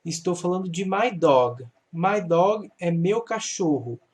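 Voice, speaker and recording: A man's voice: high-pitched, expressive. A man teaching an English grammar lesson step by step, patiently asking questions and answering them himself. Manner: patient, explains slowly, asks and answers his own questions.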